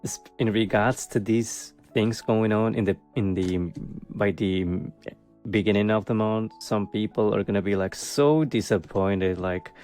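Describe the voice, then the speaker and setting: A man's voice: lowish voice, a little mellow. A man giving a casual monthly tarot reading, hesitant and full of fillers, with a wry, sarcastic streak and frequent laughs. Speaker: tarot reader.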